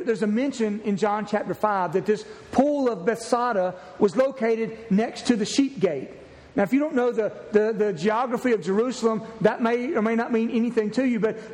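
Pastor, male, very high voice, earnest sermon delivery with restarts, reverberant church hall. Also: darkish tone. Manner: earnest preaching with repeated restarts. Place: church sanctuary.

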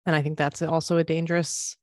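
A woman's voice: sits low, flat delivery, fast, a little mellow, dry recording, studio quality. A woman co-hosting a podcast, chatting in a playful, easy manner. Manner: playful, laughs easily. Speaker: podcast co-host. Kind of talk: casual chat.

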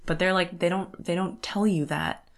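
She's a young woman co-hosting a laid-back book discussion podcast, speaking at normal speed in a fairly low voice with a steady tone.

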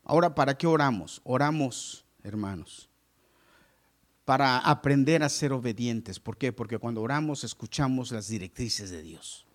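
A male pastor preaching a sermon to his congregation, moving between loud exclamations and hushed asides. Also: medium pitch, lively intonation, moderate pace.

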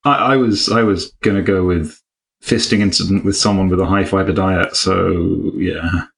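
A man hosting a casual comedy podcast, reading out listener questions with dry, deadpan humor. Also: sits low, moderate pace, vocal fry.

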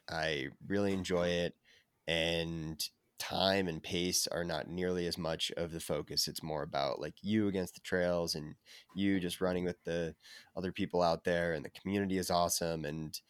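A young American man, an endurance runner appearing as a podcast guest, talks in a casual interview while sick with covid. His voice is hoarse, low and gravelly from the illness. The recording is dry and studio quality.

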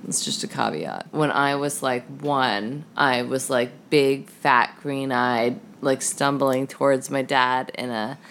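A woman's voice: extremely low pitch, takes it slowly, gravelly, hardly any pauses, fairly bright tone, a little hiss or hum. A woman in her thirties chatting as a podcast guest, rambling with many "like"s and acted-out quotes. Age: 30s. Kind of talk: casual chat.

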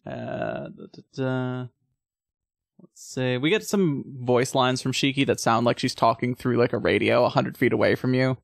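A man's voice: mid-range voice, normal speed, vocal fry, no room sound, clean studio sound. A man in casual podcast chat, recapping a film scene by scene, laughing often and rambling with fillers. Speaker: podcast co-host.

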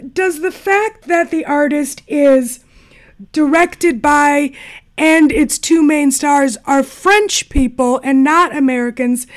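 A woman hosting a podcast interview, asking long, discursive questions. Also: sits high. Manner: inquisitive, discursive. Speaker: podcast host.

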